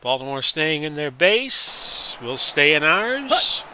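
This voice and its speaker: A man hosting a stream and giving play-by-play commentary over a sports simulation game. He talks like an announcer and breaks into excited outbursts on big plays. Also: a little high, slow pace, clean tone. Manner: announcer-style calls that rise into excited outbursts. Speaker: streamer and host.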